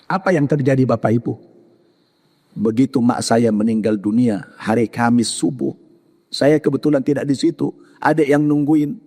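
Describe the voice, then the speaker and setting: A man's voice: mid-range voice, warm tone. A middle-aged male preacher, telling a story in a sermon and acting out the voices of the people in it. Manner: dramatic, acts out the people he quotes. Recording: long hall reverb.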